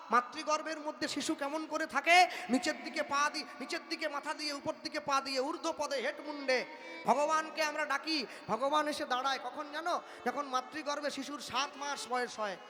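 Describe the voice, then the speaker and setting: A man's voice: extremely high pitch, sharp tone. A man preaching a devotional sermon, delivering it in an impassioned, rhythmic, declamatory way. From West Bengal, India. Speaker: kirtan preacher. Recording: reverberant hall with faint music.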